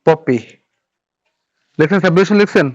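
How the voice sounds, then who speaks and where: A man's voice: high-pitched, no room sound, muffled recording. Man teaching syllables in an online class. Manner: halting, repeats syllables while writing, quizzes students. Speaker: Japanese language teacher. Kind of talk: informal online class instruction. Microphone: online class audio.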